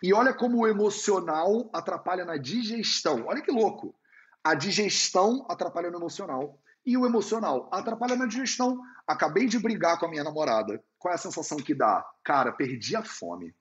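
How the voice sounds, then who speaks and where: A man answering viewers' questions on a live stream, with a slightly high voice and a pitch that rises and falls freely. He speaks like a slangy storyteller. The audio is muffled and lo-fi. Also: a little fast. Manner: animated storyteller, slangy and conversational. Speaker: Ayurveda teacher hosting a live stream. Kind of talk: casual live-stream Q&A talk. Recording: dull lo-fi sound.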